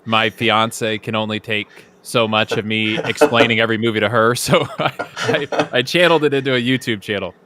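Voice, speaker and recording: A young adult man speaks as a guest in a casual live chat. His voice is bright and forceful, and he tells his story in a relaxed, easygoing way. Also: on the low side, a little fast.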